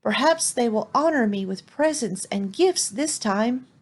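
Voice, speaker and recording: A woman voicing an eager, proud young male donkey in a read-aloud children's storybook, with a lively, excited manner. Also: a little high, measured pace.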